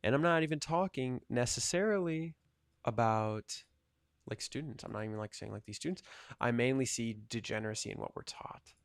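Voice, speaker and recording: A man's voice: mid-range voice, a little fast, dry recording, clean studio sound. A man in his twenties rambling casually while playing a video game, thinking aloud with lots of fillers. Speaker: gaming channel host.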